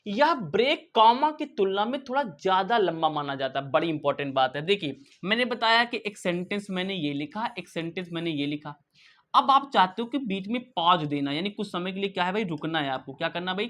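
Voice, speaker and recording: A man's voice: high voice, a bit bright. A man teaching an English grammar lesson, playful and teasing, asking rhetorical questions and answering them himself and repeating key words for emphasis. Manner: playful, teasing, calls students beta and bhai. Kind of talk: online classroom lesson.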